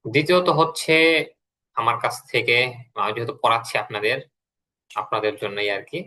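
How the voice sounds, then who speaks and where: Guy teaching an online english class, bright voice, repeats words over and over for drills. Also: medium pitch, brisk.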